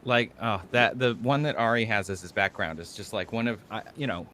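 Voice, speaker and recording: A man's voice: fairly low pitch, brisk, fairly bright tone, a little hiss or hum. A man in his thirties on a livestream panel, telling a story animatedly and acting out his own thoughts. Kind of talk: casual panel chat.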